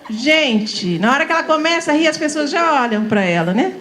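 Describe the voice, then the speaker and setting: A woman's voice: high-pitched, big pitch swings, fairly quick, a bit bright. A middle-aged woman from São Paulo giving an informal, chatty lecture to teachers, often laughing and asking the room for agreement. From São Paulo, Brazil.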